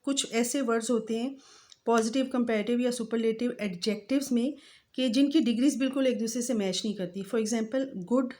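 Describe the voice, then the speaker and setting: A woman teaching English grammar in a patient voice-over, slowly spelling out word forms. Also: a little high, steady tone, darkish tone. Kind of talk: grammar lesson explained over slides.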